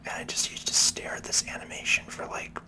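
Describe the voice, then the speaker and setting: A video game player and ASMR commentator whispers breathily the whole way through, casual and unhurried as she muses softly about the play.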